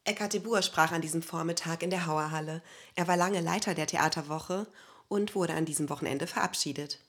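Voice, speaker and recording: A woman with a rather low voice narrates a news feature. Her read is calm, even and scripted. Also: fairly quick. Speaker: reporter.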